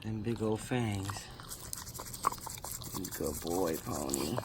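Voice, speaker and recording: A man's voice: fairly low pitch, expressive, drawn-out words. A man talking to his dog in a casual, coaxing way, full of praise. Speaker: dog owner and vlogger. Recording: noisy home recording with clicks.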